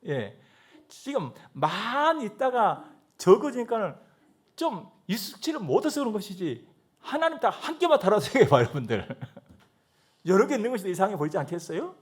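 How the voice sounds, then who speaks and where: A man's voice: high voice, moderate pace, breathy edge. A male pastor preaching a sermon in a church, acting out little dialogues and sometimes dropping to a whisper. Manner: animated, acts out dialogue, drops to whispers. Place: church sanctuary.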